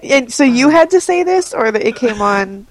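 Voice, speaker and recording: A woman's voice: high-pitched, animated, normal speed, a little hiss or hum, low-quality recording. A woman in casual chat, asking amused, curious questions.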